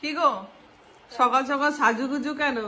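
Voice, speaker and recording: A woman's voice: high-pitched, fairly even intonation, normal speed, sharp tone, a little hiss or hum. A woman chatting casually to her viewers from her home kitchen, teasing and talkative. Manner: chatty, teasing, sing-song when talking to her pet. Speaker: vlogger. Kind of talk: casual chat.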